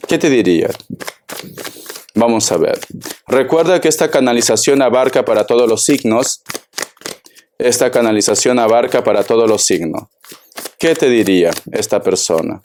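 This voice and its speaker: A man giving a tarot reading, speaking slowly and deliberately and addressing the listener directly. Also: medium pitch, a little mellow, a little hiss or hum. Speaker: tarot reader.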